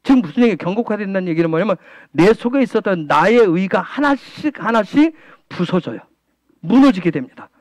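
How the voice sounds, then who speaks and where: In a dry recording, a male pastor whose voice sits high delivers a sermon. He peppers the congregation with rhetorical questions, repeats key phrases for emphasis, and keeps nudging them with "응?"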